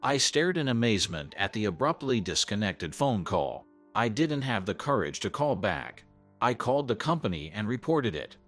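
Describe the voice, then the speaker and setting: A man's voice: lowish voice, very animated, normal speed. A man narrating a first-person story in an earnest, scripted way. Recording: soft background music.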